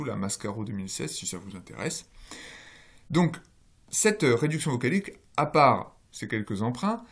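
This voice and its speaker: A man lecturing on linguistics in a recorded course, explaining step by step with frequent hesitations. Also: medium pitch. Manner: explanatory, many fillers, rising emphasis on key terms.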